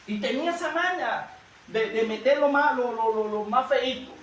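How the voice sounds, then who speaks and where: A male evangelist with a strikingly high voice delivers a fervent sermon, calling out to his listeners as brothers. He sounds set back from the mic, and a strong echo rolls around the church hall. Faint noise sits underneath. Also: normal speed, a bit bright, recorded from a distance. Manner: fervent preaching, often addresses listeners as brother. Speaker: evangelist preacher. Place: church service.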